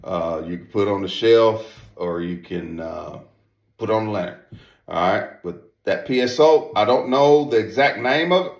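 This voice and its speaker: A man with a lowish, creaky voice reviews duck calls at a normal speed. The demonstration is casual and folksy, with emphatic repetition of phrases, and the recording sounds roomy and echoey.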